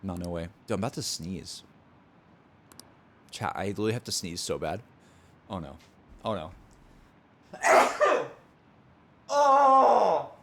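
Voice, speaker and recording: A man's voice: sits low, normal speed, pauses often, a little hiss or hum. A man streaming a game, chatting casually and rambling to his chat. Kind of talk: casual gameplay commentary.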